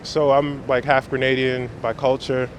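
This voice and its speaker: Out on the city streets, a photographer from Brooklyn, New York, talks in a relaxed, slang-heavy way during an interview. He speaks at a moderate pace in a mid-range voice with little pitch movement, captured clearly amid urban traffic.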